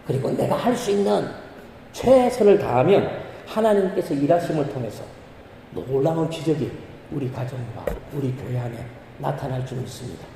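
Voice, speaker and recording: A male pastor preaches in a high, very dark and mellow voice, asking the congregation questions and acting out prayers. He is heard from far off in a church hall with long, heavy reverb. A faint room hum sits behind him. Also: lively intonation, normal speed, creaky. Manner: preaching with emphatic rises, rhetorical questions and acted prayers. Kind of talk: sermon. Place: church sanctuary.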